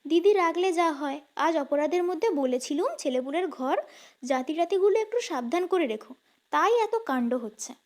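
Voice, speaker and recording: A woman voicing a spirited young wife who answers back quickly and stubbornly. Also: high-pitched, expressive. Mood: pert. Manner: quick, pert replies.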